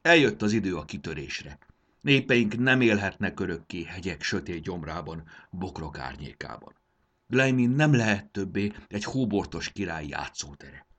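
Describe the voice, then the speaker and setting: A man's voice: low-pitched, animated, fairly bright tone, full character voice. A man voicing a commanding creature leader who rallies a rebel alliance in an audiobook. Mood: rousing. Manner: stirring, commanding speech. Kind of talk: audiobook character voice.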